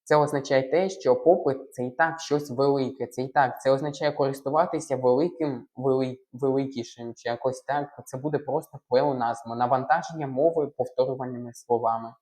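A man's voice: medium pitch, steady tone, a little fast, hardly any pauses, a little mellow. A man with a mid-range voice works through exam questions like a patient tutor. He explains each answer methodically and spells out single letters along the way. He sometimes trips over a word and restarts. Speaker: language tutor.

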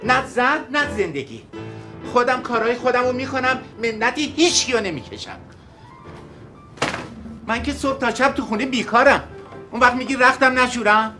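A man's voice: extremely high pitch, lively intonation, long pauses, music in the background. An actor playing a sulky, defensive middle-aged husband who grumbles and raises his voice in a sitcom. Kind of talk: sitcom acting.

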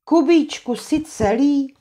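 A woman voicing a caring young housemaid who calls out in a high voice. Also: very animated, lightly acted. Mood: calling. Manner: high, calling out.

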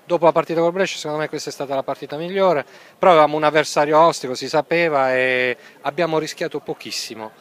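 A man's voice: on the high side, fast talker, fairly bright tone. A man, a football fan interviewed outdoors by a stadium, talking enthusiastically about the game. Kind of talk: vox pop interview.

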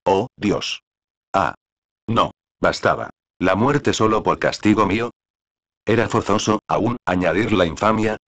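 A man's voice: fairly low pitch, lively intonation, fairly bright tone. A man reading a proud, defiant young queen. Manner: slow, solemn verse reading. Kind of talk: dramatic play reading.

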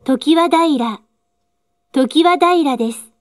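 A female announcer delivers a formal train station announcement. Her voice is high and she speaks slowly in measured set phrases. The sound is dry, with no echo. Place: station platform public address system.

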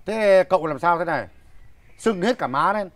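A man's voice: sits high, animated, normal speed. A man playing a short-tempered village master and father who scolds and complains. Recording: background music under dialogue.

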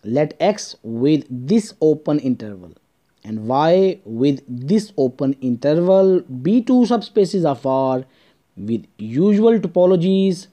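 A man with a Pakistani accent narrating a scripted maths lesson as a teacher, explaining deliberately step by step. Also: fairly high pitch, sing-song, mellow. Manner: deliberate step-by-step explaining, switching between English and Urdu.

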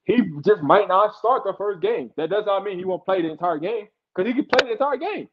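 Guest analyst man, fairly high voice, insistent and explanatory, dull lo-fi line. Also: lively intonation, brisk, background noise. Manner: explanatory, insistent, repeats himself to make a point. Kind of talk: casual sports talk show.

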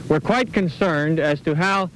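Measured man narrating a farm film. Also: on the high side, a bit bright, a little hiss or hum, poor audio. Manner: measured, explanatory, poses rhetorical questions. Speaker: agricultural economics educator and film presenter. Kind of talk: scripted educational narration. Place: office, seated at a desk.

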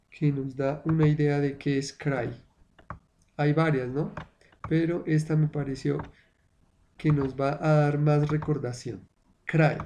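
During an online English class, the teacher, a man whose native language is Spanish, drills vocabulary by saying each word again and again. His delivery is slow, deliberate and mellow, his voice slightly high, and a faint hiss or hum runs beneath it.

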